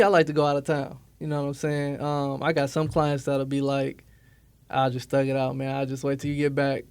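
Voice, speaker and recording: A young man from Milwaukee with a gravelly yet smooth voice, speaking in a narrow, even tone. He talks in a laid-back, casual interview manner. The recording is dry and close. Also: a little high, no echo. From Milwaukee, USA. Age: 20s. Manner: laid-back, often tags lines with "you know what I'm saying". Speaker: barber, interview guest.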